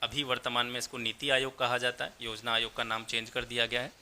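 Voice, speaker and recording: Male exam-prep lecturer, crisp ringing tone, methodical explainer who doubles up key terms. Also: medium pitch, little pitch movement, fast talker, bright, forceful tone, slight background noise. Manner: explanatory, mixes English terms, repeats points in Hindi. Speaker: history teacher.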